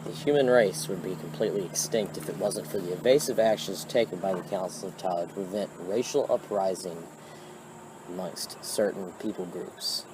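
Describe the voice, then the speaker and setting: A man acts out a fiercely loyal special-ops soldier in a homemade comedy sketch. His voice is fairly low and his delivery solemn and self-serious. Faint noise sits behind him. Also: moderate pace, darkish tone, natural voice, poor audio. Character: earnest, fiercely loyal male special-ops war hero. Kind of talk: amateur comedy role-play. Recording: amateur recording with faint noise.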